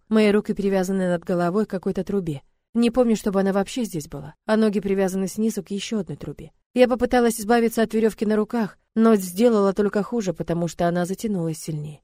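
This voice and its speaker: A woman's voice: mid-range voice, dark tone, no echo. A young adult woman narrating a first-person story with an emotive, dramatic reading.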